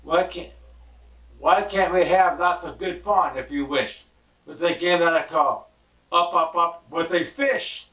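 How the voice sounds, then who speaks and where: A man's voice: fairly high pitch, fairly even intonation, a little slow, pitched above the performer's own voice, lightly acted. A man voicing a mischievous, showy storybook cat in a tall hat, in a boastful sing-song voice. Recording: roomy, distant, dull sound.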